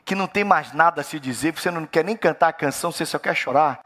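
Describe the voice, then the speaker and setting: A man's voice: fairly high pitch, quick pace, a bit bright. A middle-aged Brazilian man with a Brazilian Portuguese accent, preaching a sermon in a church and questioning the congregation directly. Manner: preaching with rising, emphatic repetition. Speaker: pastor.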